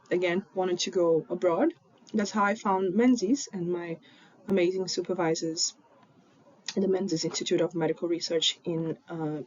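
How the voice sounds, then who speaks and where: A lowish, darkish voice belongs to a young Brazilian woman with a Brazilian accent, Portuguese her first language, who is doing a PhD in genetics. Recording remotely from home in Fortaleza, she earnestly shares her personal story, saying "um" a lot, and the lo-fi audio comes across dull with faint noise.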